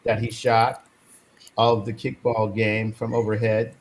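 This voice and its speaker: A man's voice: fairly low pitch, monotone, unhurried, a little hiss or hum. A man in his fifties hosting a casual, chatty group recap. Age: 50s. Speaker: host. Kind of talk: casual reunion recap chat.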